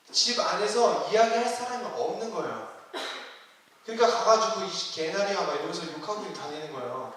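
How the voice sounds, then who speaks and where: A man delivers a sermon in a chatty, questioning style, his voice pitched high for a man. The sound is heavily echoey, with a long hall reverb, and he stands well away from the microphone. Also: fairly bright tone. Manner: conversational preaching with questions to the congregation. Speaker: youth ministry preacher. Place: church sanctuary. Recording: roomy hall, distant mic.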